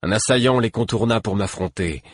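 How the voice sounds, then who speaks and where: A man narrating a first-person adventure audiobook in a measured, gravely intense reading voice. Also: lowish voice, dry recording, clean studio sound.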